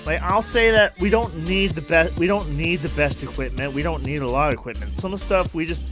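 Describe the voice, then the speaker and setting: A male host of a casual video interview, talking in an animated way and often repeating "I'll say this.". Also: fairly high pitch, fairly quick, music in the background. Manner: animated, repeats "I'll say this", loud and hyped in outro.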